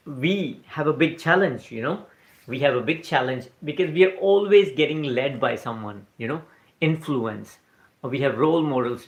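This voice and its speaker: A man's voice: fairly high pitch, a bit bright. Indian accent guy on a livestream, english not his first language, rambling about spirit stuff and answering chat, keeps saying right?. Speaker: livestream host. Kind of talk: casual spiritual talk on a livestream. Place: live stream recorded in New Zealand.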